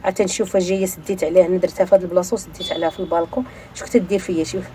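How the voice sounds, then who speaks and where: A vlogger with a Moroccan accent chats casually to her viewers from her home balcony, holding her phone as she films. Her voice is fairly low, steady, and mellow, and she talks at a racing pace. A little hiss or hum can be heard.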